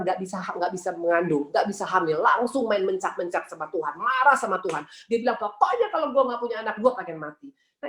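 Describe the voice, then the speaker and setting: A woman preaching to a women's gathering, lively and full of rhetorical questions, addressing her listeners as sisters. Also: mid-range voice. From Indonesia. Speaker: women's ministry speaker. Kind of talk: sermon. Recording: roomy echo.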